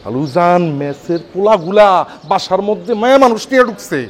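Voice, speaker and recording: A fretful young caretaker. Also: male voice, high voice, expressive, brisk. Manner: anxious, calls everyone uncle-in-law. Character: young male house caretaker, fussy and scheming. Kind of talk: TV comedy drama. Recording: music bed under dialogue.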